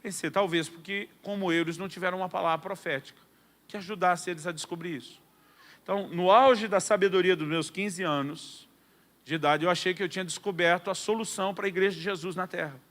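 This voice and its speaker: A man preaching a sermon as a pastor, telling a personal story with humor and lively delivery. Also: high-pitched, fast talker. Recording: long hall reverb.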